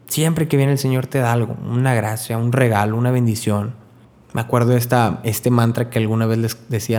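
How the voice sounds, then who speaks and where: Earnest man with a mellow voice. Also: mid-range voice. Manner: earnest, conversational, speaks straight to the listener. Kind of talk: spoken spiritual reflection. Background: faint background music.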